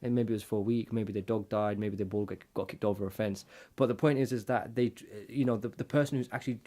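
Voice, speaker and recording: A man's voice: fairly low pitch, fairly even intonation, fast, mellow. A man co-hosting a casual chat over drinks, talking in an earnest, reflective way that rambles with restarts. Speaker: co-host.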